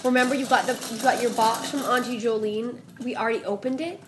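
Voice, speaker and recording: A young mother speaks in a high, light voice, asking her small child one simple question after another. Her tone is patient and coaxing. It sounds like a casual home video. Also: fairly even intonation, fast talker, background noise. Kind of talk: home video, talking to a toddler.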